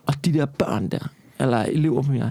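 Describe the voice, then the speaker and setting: A man's voice: medium pitch, dark tone, no room sound. A young man in casual conversation, telling a long personal story in a rambling way, with many restarts and some swearing.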